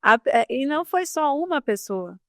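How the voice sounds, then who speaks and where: A woman speaking as a podcast guest on communication, talking in a casual, expressive and emphatic way. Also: sits high, normal speed, dry recording, studio quality.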